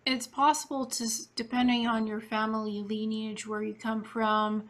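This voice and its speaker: A woman's voice: a little high, little pitch movement, moderate pace, fairly bright tone. A woman from Ukraine interviewing a guest in a casual, earnest, matter-of-fact way.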